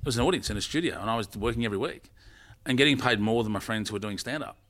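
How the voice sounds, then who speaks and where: Low-voiced Australian male raconteur, animated anecdotes. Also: racing. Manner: animated, joke-telling raconteur. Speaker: guest, former television warm-up comedian. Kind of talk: casual interview chat.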